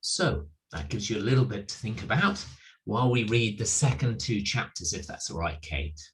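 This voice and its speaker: Speaking at a normal speed in a lowish, expressive, slightly bright voice, a middle-aged man preaches an earnest sermon on a Bible passage. He hammers his key points, repeating them with emphasis.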